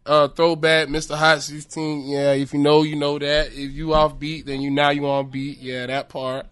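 A man's voice: fairly high pitch, normal speed, clean tone. A man in his twenties from South Florida, a guest artist chatting casually on a podcast, boastful and joking. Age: 20s. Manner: animated, boastful, joking banter with swearing.

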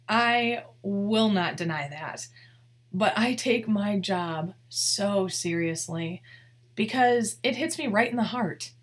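A young adult woman hosting her own podcast as a wedding photographer, talking straight to her listeners in a heartfelt, earnest way. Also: mid-range voice. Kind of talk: solo podcast monologue.

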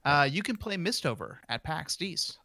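Southern man, teasing podcast co-host, forceful tone, dry close sound. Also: on the high side, very animated, moderate pace, no echo. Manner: teasing, joking. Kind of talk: casual chat.

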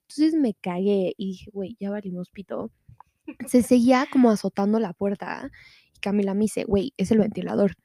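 A young woman with a Mexican Spanish accent telling a scary story to a friend on a podcast, slangy and animated, acting out what everyone said. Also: medium pitch, normal speed. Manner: animated, slangy, acts out quotes. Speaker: podcast co-host. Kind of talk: casual storytelling chat.

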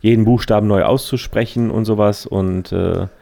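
A man's voice: on the low side, steady tone, normal speed, gravelly, warm tone. A man talking as a podcast guest about his speaker training, rambling with many fillers. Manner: rambling, many fillers, laughs while reading aloud. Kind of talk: casual chat.

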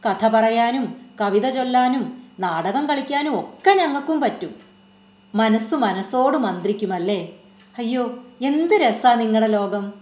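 A woman reading a gentle alien boy. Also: on the high side, expressive, unhurried. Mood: explaining. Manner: patient, explaining. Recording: roomy echo.

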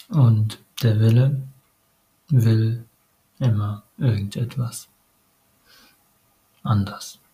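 A man giving a meditative spiritual monologue, addressing the listener directly in short, halting phrases with frequent hesitations. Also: medium pitch, mellow, rough recording.

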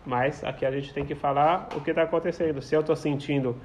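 Teaching a prayer text to a small group, this Torah teacher mixes explanation with storytelling and frequently repeats himself. He speaks briskly in a higher, darkish voice with a steady tone. The recording sounds slightly dull and carries faint background noise.

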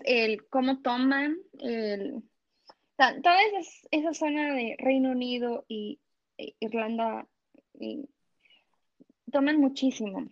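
Young Mexican woman, animated storyteller. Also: a little high, dry recording, dull audio. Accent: Mexican Spanish. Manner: animated storytelling, acts out dialogue, laughs often. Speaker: guest. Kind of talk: casual interview chat.

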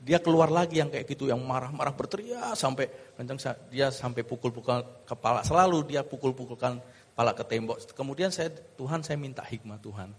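Brief: male pastor, husky, sincere storytelling, long reverb hall. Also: mid-range voice, a little fast. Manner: earnest storytelling, with slips and restarts. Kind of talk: sermon testimony.

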